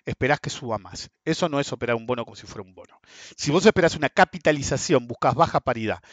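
A man's voice: medium pitch, expressive, fast talker, a bit bright, no room sound. A man with an Argentine accent hosting a podcast, talking casually in a profane, sarcastic way and laughing often. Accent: Argentine Spanish. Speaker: podcast host. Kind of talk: casual monologue on trading.

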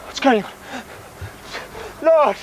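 A fanatical, creepy cult recruiter, acted by a man in a homemade comedy sketch, preaching at a crawl. His voice sits very high and bright, with a faint hum of background sound. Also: expressive, full character voice. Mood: frenzied. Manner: slow, preachy, drawn-out delivery. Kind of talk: amateur comedy sketch acting.

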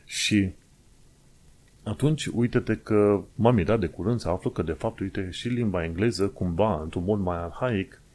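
Low-voiced Romanian man chatting casually. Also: darkish tone. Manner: chatty, digressive, explains step by step with hesitations. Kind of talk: casual explanatory monologue.

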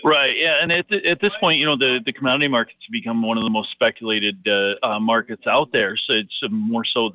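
Play a man talking over the phone, halting with many fillers as he explains markets. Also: medium pitch. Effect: heard over the phone. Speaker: market analyst guest. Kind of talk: market commentary interview. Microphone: telephone. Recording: dry tinny phone line.

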